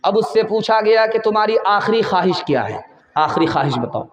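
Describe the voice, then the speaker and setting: High-voiced male preacher in an echoey hall. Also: fairly quick, dull audio. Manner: animated storytelling with dramatic asides. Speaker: mufti, preacher. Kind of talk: sermon with anecdotes.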